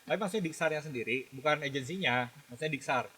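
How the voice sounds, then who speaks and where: Brief: male podcast host, husky voice, loose slangy delivery. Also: a little high, fast talker, sharp tone, rough recording. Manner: chatty, uses slang, many fillers and restarts. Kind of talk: casual chat.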